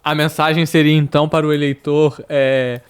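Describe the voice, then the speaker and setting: A man with a somewhat high voice interviews a guest. He puts his questions in a measured, conversational way. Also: little pitch movement, clean tone.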